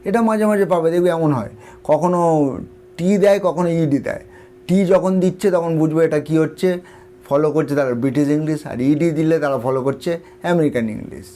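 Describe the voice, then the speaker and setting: An English tutor with a Bengali accent gives an explanatory spelling lesson in a mellow voice that is on the high side and fairly quick. He spells words out letter by letter and asks and answers his own questions.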